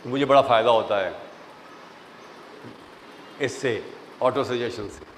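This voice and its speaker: An older man, a professor, giving lively classroom advice, telling stories and acting out the voices of people in them. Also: medium pitch, slow. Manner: animated, storytelling, mixes English phrases, acts out quoted voices. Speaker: professor giving interview tips. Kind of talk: classroom lecture. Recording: long reverb, faint noise.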